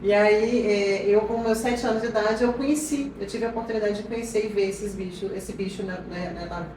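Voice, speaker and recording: A woman in her forties from Minas Gerais with a Minas Gerais accent, a marine biologist talking casually and lively as an interview guest, often laughing and restarting. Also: medium pitch, fairly quick. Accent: Minas Gerais Portuguese. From Minas Gerais, Brazil. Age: 40s. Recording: echoey room, distant mic, background noise.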